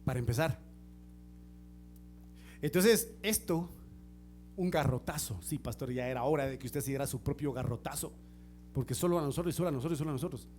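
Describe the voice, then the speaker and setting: A man preaching a sermon as pastor, dropping to near-whispered asides and rising to shouted peaks, acting out the people in his stories. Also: mid-range voice, fairly quick, long pauses, soft background music. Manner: acts out quoted people in a storytelling way. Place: church.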